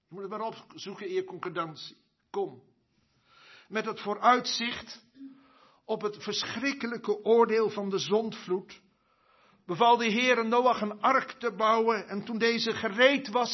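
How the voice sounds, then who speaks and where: A man's voice: sits high, muffled recording. A man preaching a sermon in an earnest tone that rises to fervent, urgent calls.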